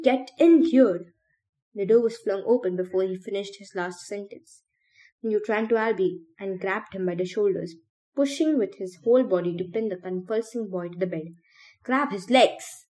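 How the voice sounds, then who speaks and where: A woman reading a novel aloud for a podcast in a steady, measured way. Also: medium pitch. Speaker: podcast reader.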